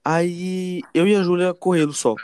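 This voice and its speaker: A young man, telling a story casually to friends in a lively, chatty way. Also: sits high, clear, resonant tone. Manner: fast, animated, addresses listeners as gente and velho.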